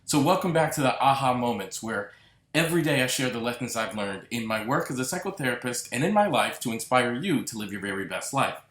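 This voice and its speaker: A man's voice: mid-range voice, lively intonation, a little fast, a bit bright. A man hosting a solo podcast, talking earnestly and reflectively, lingering on repeated words. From Massachusetts. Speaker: podcast host. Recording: roomy echo.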